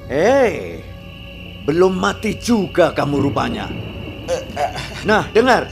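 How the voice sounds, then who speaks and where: Menacing old-radio-drama warrior, wildly swooping pitch. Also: male voice, big pitch swings, vocal fry, heavily acted. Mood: stern, commanding. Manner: deliberate, threatening, theatrical. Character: menacing male martial-arts warrior, stern and vengeful. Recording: radio drama with music behind.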